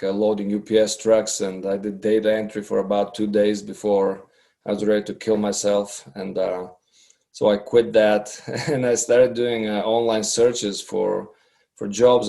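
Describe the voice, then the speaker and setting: Gravelly man, hesitant. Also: on the low side, dark tone. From Bulgaria. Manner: hesitant, many fillers and restarts. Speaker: guest, customer researcher. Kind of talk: casual interview talk.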